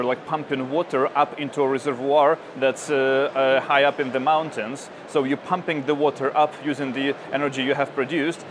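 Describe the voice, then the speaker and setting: A man's voice: medium pitch, background noise. A man from Ukraine, a tech journalist in his thirties, answering interview questions with lots of fillers and restarts. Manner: hesitant, many fillers and restarts. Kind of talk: conference interview.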